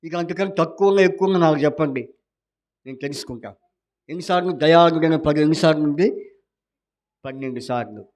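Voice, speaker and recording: Pastor, male, higher-pitched; interactive sermon that quizzes and teases the congregation. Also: fairly quick, pauses often, darkish tone. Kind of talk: Sunday sermon with call-and-response. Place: church hall.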